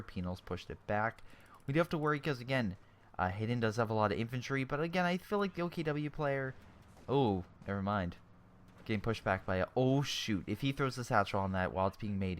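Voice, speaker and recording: A young man with a sore throat and a fairly low voice chats casually over a strategy game replay. He often corrects himself mid-sentence and doesn't hold back his blunt opinions.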